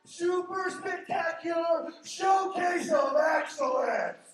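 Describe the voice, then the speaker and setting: A man cutting a theatrical wrestling promo, flamboyant and calling everyone darling, shouting lines out to the crowd. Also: very high-pitched, takes it slowly, heavy background noise. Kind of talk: in-ring wrestling promo on a microphone. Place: indoor wrestling arena. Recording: echoey arena from far off, loud crowd.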